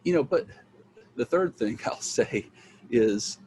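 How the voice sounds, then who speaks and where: A man's voice: medium pitch, expressive, takes it slowly, a little mellow, low-quality recording. A man speaking as a legal aid attorney on a conference panel, in a conversational way with lots of "you know" and "uh" fillers. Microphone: home computer mic on a video call. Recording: video call audio with faint background noise.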